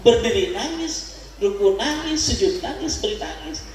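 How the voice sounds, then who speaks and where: A man with a high, animated voice and a Sundanese accent delivers a religious study sermon at normal speed in a large hall at a religious gathering, leading the congregation in call-and-response and chuckling often between points. The recording is echoey, the voice sounds far off, and there's a little hiss or hum.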